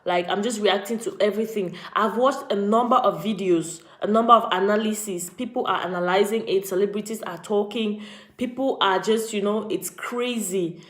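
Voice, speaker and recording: Chatty woman from Cameroon, casual live-stream vlogger, mid pitch, roomy echo. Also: moderate pace. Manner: chatty, talks straight to viewers and greets them by name.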